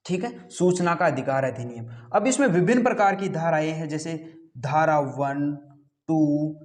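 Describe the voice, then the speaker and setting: A man's voice: a little high, animated, moderate pace. Man quizzing his class as he teaches. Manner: asks rhetorical questions and answers them himself; repeats key terms, says "ठीक है" often. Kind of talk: exam-prep lecture.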